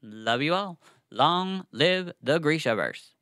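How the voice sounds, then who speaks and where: A young man co-hosting a podcast talks casually about a book, full of fillers and restarts, seated in a small studio with a boom-arm studio mic. His voice is fairly high, slow and lively in intonation.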